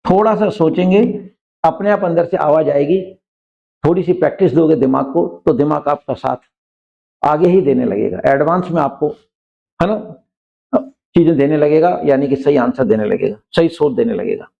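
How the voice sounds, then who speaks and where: A man teaching an English grammar lesson, explaining patiently and reading example sentences slowly, often checking in with his students. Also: fairly high pitch, vocal fry, muffled recording. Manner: frequently checks in with listeners.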